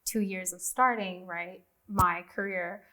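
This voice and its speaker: A woman from Haiti, a singer-songwriter, chatting in a relaxed way at a round table and laughing easily. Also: fairly low pitch, slow. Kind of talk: casual round-table chat.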